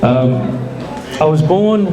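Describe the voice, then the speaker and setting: A man's voice: a little high, animated, slow. A middle-aged man telling a rambling personal story live on stage, often asking the audience questions. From Peru. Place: small bar venue, live audience. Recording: echoey room with faint noise.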